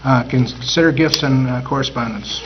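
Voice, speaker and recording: A man chairing a school board meeting, speaking haltingly with many uhs. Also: medium pitch. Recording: dull audio with audible mains hum.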